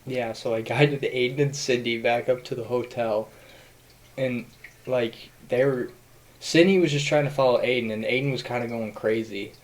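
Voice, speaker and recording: A man's voice: mid-range voice, fairly even intonation, normal speed, poor audio. A young man hosting a podcast, telling a rambling story in casual chat with many fillers. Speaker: podcast host.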